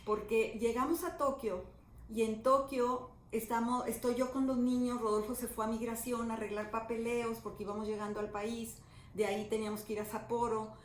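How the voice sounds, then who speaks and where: A woman's voice: a little high, flat delivery, moderate pace. A middle-aged Mexican woman pastor, telling a story in an earnest conversational sermon and repeating her words as she goes. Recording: echoey room with faint noise.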